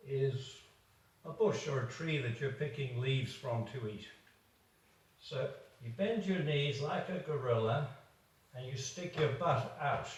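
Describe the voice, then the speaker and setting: A man, a doctor, slowly coaching home exercises while demonstrating them, a little out of breath. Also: fairly high pitch. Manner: slow, encouraging, demonstrating while talking. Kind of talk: instructional exercise video. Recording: echoey room, far from the mic.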